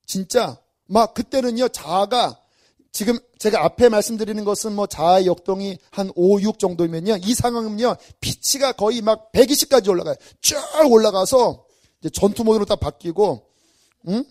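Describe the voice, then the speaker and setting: Male pastor, fairly high voice, lively storytelling sermon, acts out his reactions. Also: normal speed. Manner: animated storytelling, acting out his own inner reactions. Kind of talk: early-morning sermon.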